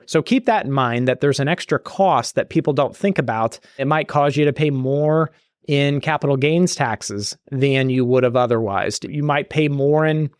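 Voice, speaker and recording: A man's voice: mid-range voice, no room sound, clean studio sound. A man hosting a podcast, explaining retirement benefits in a conversational way, often restarting and adding asides. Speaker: podcast host and retirement planner. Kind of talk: solo podcast explaining listener questions.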